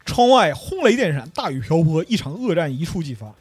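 A man's voice: fairly high pitch, very animated, a little fast, husky, no echo, faint music behind. A man hosting a podcast, telling a story in a traditional storyteller cadence with playful slang asides. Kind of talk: comic storyteller narration.

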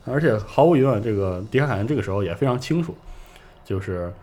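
A man's voice: mid-range voice, lively intonation, fast talker, mellow. A man hosting a podcast, casually retelling a game's story in a rambling way with many fillers. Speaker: podcast host recounting game lore.

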